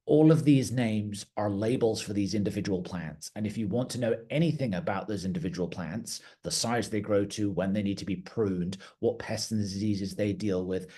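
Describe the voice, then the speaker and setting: Here a middle-aged garden director with a low, husky, darkish voice teaches casually during an educational talk. He is a native English speaker from outside the US, and his plain-spoken delivery includes occasional fillers and restarts.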